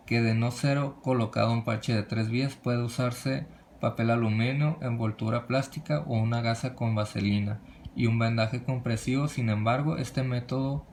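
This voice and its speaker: A man presents a medical lesson from slides, his voice gravelly and low in the throat. He reads haltingly, often cutting off a word and starting it again. A faint hiss sits behind the recording. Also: darkish tone. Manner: halting, with frequent restarts and cut-off words. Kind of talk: reading a slide lecture.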